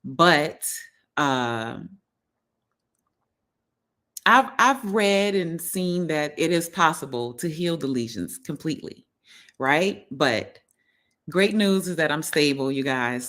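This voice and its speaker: This voice belongs to a holistic health coach who hosts a relaxed live stream. The talk is earnest and encouraging, full of "you know" fillers, and key phrases get repeated for emphasis. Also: medium pitch.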